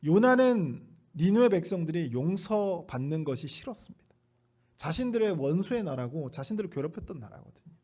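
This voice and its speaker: A man's voice: a little high, big pitch swings, a little fast, darkish tone. A male pastor preaching a Sunday afternoon sermon in a church, talking conversationally, asking the congregation rhetorical questions and acting out quoted lines with playful humor. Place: church sanctuary.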